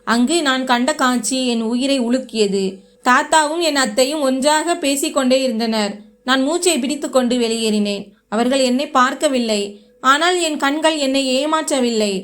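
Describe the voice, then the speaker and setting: A woman narrating a dramatic first-person story in a steady, scripted way. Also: high-pitched, moderate pace.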